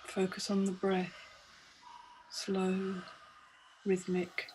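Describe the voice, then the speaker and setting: A female meditation guide narrates a scripted guided meditation in measured, short, deliberate phrases separated by pauses. Her mid-pitched voice stays flat in intonation, with faint noisy ambience behind it.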